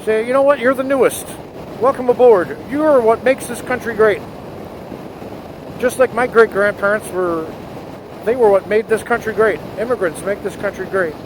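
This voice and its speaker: An American motovlogger rides his motorcycle outdoors, delivering an earnest spoken essay that builds to patriotic fervor. His high-pitched voice moves at a moderate pace through a helmet headset mic, with wind noise audible.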